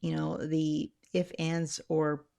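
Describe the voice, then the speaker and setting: Middle aged lady w a lowish voice and lots of vocal fry, chatting thru tips, kinda rambly. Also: little pitch movement, slow, warm tone. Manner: rambling, self-correcting, chatty. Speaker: channel host sharing anxiety tips. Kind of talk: casual, conversational explainer to camera.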